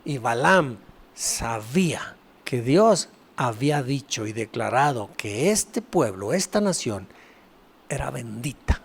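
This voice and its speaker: A man's voice: mid-range voice, sing-song, slow, creaky, slightly rough. A man, a pastor, preaching a sermon and animatedly retelling a Bible story. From Mexico.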